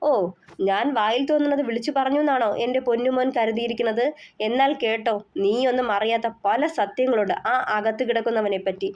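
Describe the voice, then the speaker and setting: A woman's voice: fairly high pitch, fairly even intonation, a little fast, lightly acted. A woman voicing a scornful, defiant middle-aged woman who mocks the family, on a slightly dull recording. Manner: mocking, cutting.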